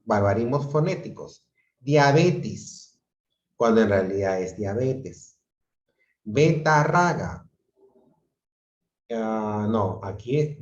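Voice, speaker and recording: This online teacher has a fairly low, slightly mellow voice. He walks students through the material patiently and keeps checking their understanding with quick questions. The video-call audio from his computer mic is dull and roomy.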